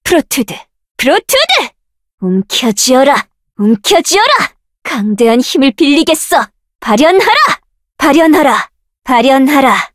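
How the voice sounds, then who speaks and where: A woman voicing a proud, confident young female researcher in a game, delivering self-assured lines and commanding skill shouts. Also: high-pitched, big pitch swings, moderate pace, dry recording, clean studio sound. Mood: battle shouts. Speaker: voice actress for a game character.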